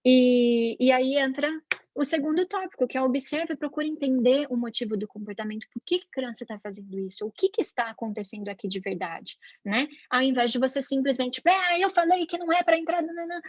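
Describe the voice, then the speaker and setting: A woman's voice: high voice, fairly quick, no echo, highs cut off. A woman with a Brazilian Portuguese accent, an educator giving an informal talk about raising children, who chats freely and acts out the voices she quotes. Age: adult parent. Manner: chatty, acts out quoted voices, frequent "né?" tags. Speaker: Montessori educator.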